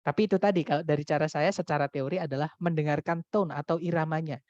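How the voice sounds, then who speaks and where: A man's voice: fairly high pitch, fairly even intonation, quick pace, darkish tone, no room sound. A man teaching an English test-prep class online, reading out student questions and explaining casually. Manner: explains casually, answers students' chat questions read aloud. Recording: dull dry recording.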